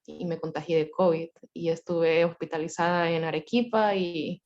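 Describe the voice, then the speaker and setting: A woman in her twenties, a student recounting a personal experience to the class in a measured, careful way. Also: lowish voice, fairly even intonation, darkish tone, lo-fi sound, a little hiss or hum. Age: 20s. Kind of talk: personal account in class discussion.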